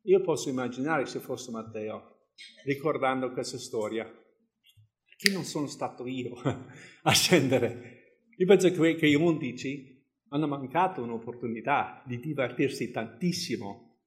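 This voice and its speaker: A man's voice: medium pitch, a little slow. Man preaching in a chatty, chuckling way. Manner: conversational, chuckles often, many restarts. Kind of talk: informal sermon with Bible reading.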